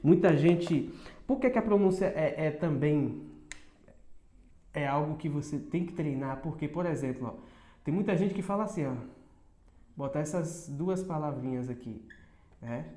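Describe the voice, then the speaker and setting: A Brazilian man giving a casual pronunciation lesson as a teacher, checking in with quick tag questions and slowly repeating words as models. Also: on the high side, dark tone. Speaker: English teacher. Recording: echoey room.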